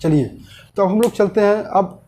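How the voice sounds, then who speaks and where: A man with a high voice and a dark tone leads an online grammar lesson. He poses questions to his students, answers them himself, and slowly repeats the key terms.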